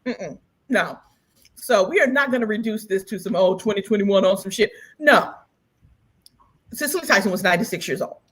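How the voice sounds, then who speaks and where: A woman's voice: mid-range voice, animated, brisk, pauses often, fairly bright tone, slightly rough. A woman co-hosting a casual chat podcast, emphatic and profane, laughing often. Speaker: podcast co-host.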